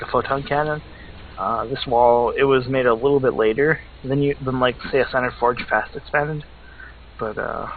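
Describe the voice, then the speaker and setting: A man's voice: mid-range voice, a little hiss or hum. Guy breaking down a strategy game, says like a lot, tinny phone line sound. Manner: explanatory, leans on "like" and "uh". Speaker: esports analyst. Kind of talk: color commentary on a strategy game.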